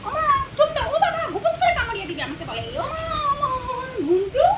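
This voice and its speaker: Woman cooing in very high baby talk. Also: big pitch swings, fast, very noisy. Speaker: pet owner. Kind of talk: baby talk to a pet cat.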